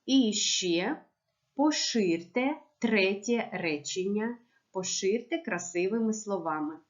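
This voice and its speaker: A woman teacher giving a remote lesson to young pupils, with clear, measured instructions. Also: mid-range voice, expressive, dull audio. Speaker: primary school teacher.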